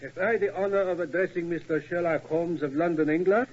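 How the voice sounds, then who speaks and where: An actor playing an anxious elderly German tower keeper who speaks halting, broken English with a German accent, in a 1940s radio drama. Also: male voice, on the high side, a little mellow, a little hiss or hum, natural voice. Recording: dull old radio broadcast.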